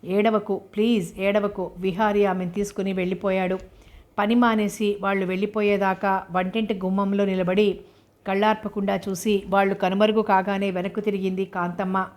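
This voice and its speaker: A woman narrating a serialized novel as an audiobook, in a steady, measured manner. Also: medium pitch.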